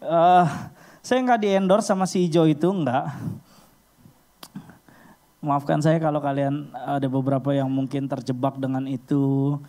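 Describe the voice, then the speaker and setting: A man giving a casual storytelling sermon, acting out little scenes with sudden leaps in pitch. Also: measured pace, pauses often. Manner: animated, acts out little scenes with sudden high jumps in pitch.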